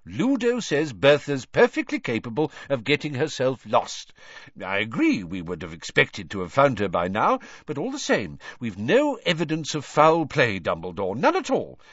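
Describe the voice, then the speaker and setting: Brief: a man voicing a fussy official, raised and indignant, lively pitch, dull dry audiobook sound. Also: moderate pace, no echo, full character voice. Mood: blustering. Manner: blustering, indignant, high-pitched. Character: flustered pompous male government minister.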